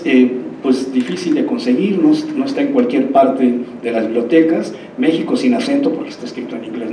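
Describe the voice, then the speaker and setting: A man's voice: mid-range voice, mellow, a little hiss or hum. A Mexican man in his fifties giving a lecture, digressing into anecdotes and often checking in with his listeners. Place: lecture hall. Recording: roomy hall, mic far off.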